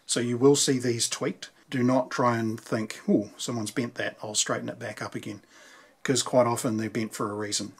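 A vintage radio repairer with a New Zealand accent presents at an indoor workbench, explaining things casually and thinking aloud as he goes. His medium-pitched voice has fairly even intonation at normal speed, and clear background noise with clicks can be heard.

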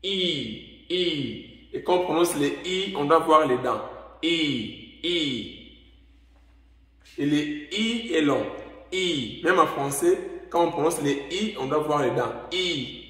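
A man giving a language lesson, repeating each letter slowly and carefully. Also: fairly high pitch, animated, a bit bright. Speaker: English teacher. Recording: echoey room with long reverb.

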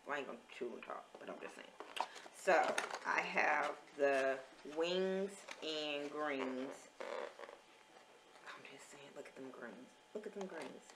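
A woman's voice: deep voice, slow, noisy background. A woman vlogger, chatting casually as she lists menu items and reviews food. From American.

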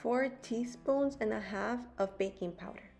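A woman's voice: a little high, a little slow, vocal fry. A young woman vlogger narrating a recipe voice-over, explaining each step plainly. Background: guitar music.

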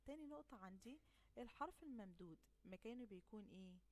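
A woman's voice: mid-range voice, animated. Egyptian woman teaching young children. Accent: Egyptian Arabic. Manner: stretches out example words slowly and clearly; asks questions and answers them herself. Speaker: primary school teacher. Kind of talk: recorded classroom lesson.

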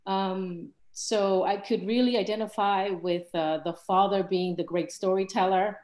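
A woman from Cuba, raised in Miami, asking a guest speaker a question on a video call, hesitant with many pauses. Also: medium pitch, fairly even intonation, darkish tone. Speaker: student, lecture attendee. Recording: roomy video call audio.

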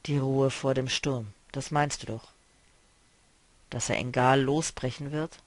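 A man reading a novel aloud, voicing a weary, melancholy male traveler who speaks quietly and broodingly. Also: medium pitch, fairly even intonation, unhurried, dry recording, close to an everyday voice.

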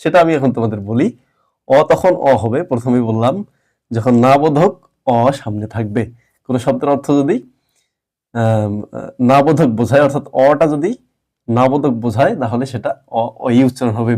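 A man teaching a grammar lesson, explaining rules patiently step by step and repeating words slowly. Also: mid-range voice, mellow.

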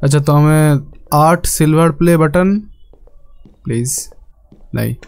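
A man's voice: fairly high pitch, slow, darkish tone, clear, resonant tone, no room sound. Young man, jokey, scared gaming commentary. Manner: jokey, easily scared, pleading with the game. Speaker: gaming YouTuber. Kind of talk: casual horror game commentary.

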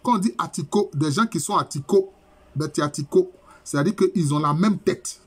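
Husky-voiced professor explaining terms. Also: male voice, on the high side. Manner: explains terms slowly, repeating key phrases. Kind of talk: university lecture.

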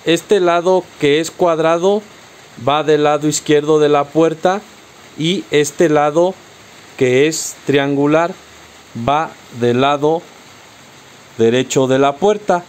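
A man with a Mexican Spanish accent narrates a step-by-step tutorial on a car accessory, speaking directly to viewers with patience. His voice sits on the high side, his pace is slow, and the tone is clean.

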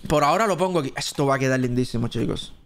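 A man with a Cuban Spanish accent, streaming live gameplay and chatting as he thinks aloud, now and then jumping into a squeaky high voice. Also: rapid-fire, slight background noise. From Cuba.

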